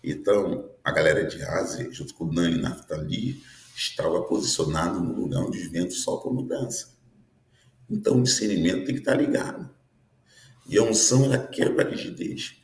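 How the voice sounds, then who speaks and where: A man's voice: deep voice, moderate pace, echoey room. A man in his fifties, a pastor, teaching a prophetic sermon in an earnest style, often checking in with his listeners. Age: 50s. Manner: earnest preaching with frequent tag questions.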